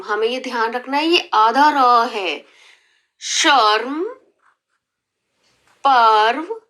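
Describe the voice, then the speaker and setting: A woman teaching young children in a slow, careful lesson style, stretching out syllables and often checking in with the class. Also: fairly high pitch, a bit bright. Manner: drawn-out syllables, frequent rising "theek hai" checks. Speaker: primary school teacher.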